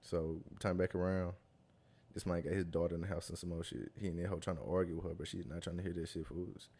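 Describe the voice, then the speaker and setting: A man's voice: deep voice, little pitch movement, fast, mellow, husky. A young man, a guest on a casual talk show, telling stories in loose, slangy talk and laughing through them. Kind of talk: casual storytelling chat.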